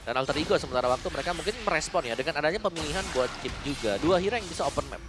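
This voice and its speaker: A man's voice: on the high side, expressive, racing, music in the background. A man with an Indonesian accent giving conversational esports caster analysis.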